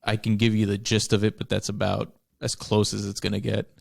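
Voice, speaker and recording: A man's voice: lowish voice, completely flat delivery, brisk, vocal fry, no room sound, studio quality. A man co-hosting a book podcast, searching for words with many likes and restarts. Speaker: podcast co-host. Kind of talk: casual book discussion.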